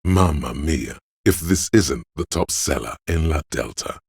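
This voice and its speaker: Voicing a flashy, slick hustler as the inner voice in a video game, a male actor delivers a full character voice that is very deep, gravelly, and slightly mellow. He's showy, smooth-talking, theatrical, and cocksure, with lively intonation at a measured pace.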